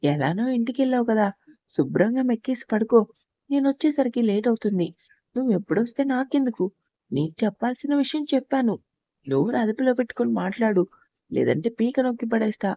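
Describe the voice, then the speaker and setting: A man's voice: very high-pitched, expressive, a little fast, warm tone, dry recording, highs cut off, heavily acted. A woman reading the part of a short-tempered young husband who scolds and threatens over the phone in a storybook reading. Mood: angry. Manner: harsh, scolding.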